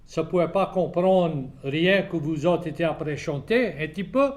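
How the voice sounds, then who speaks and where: A man's voice: on the high side, moderate pace. An older man with a Cajun French accent, hosting a casual, folksy interview. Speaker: programme host, interviewer.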